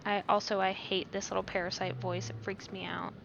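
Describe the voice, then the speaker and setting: A woman's voice: medium pitch, little pitch movement, a little fast, vocal fry, a bit bright, lo-fi sound, slight background noise. A woman giving casual, chatty gameplay commentary as she hosts her own playthrough. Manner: chatty, reads choices aloud. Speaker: gamer, playthrough host.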